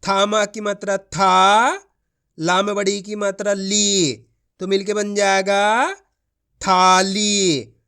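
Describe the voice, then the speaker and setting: A man's voice: sits high, flat delivery, slow pace, sharp tone, smooth. A man teaching Hindi reading. He sounds out each syllable and then joins them into the whole word, and he calls his viewers friends as he coaxes them to try.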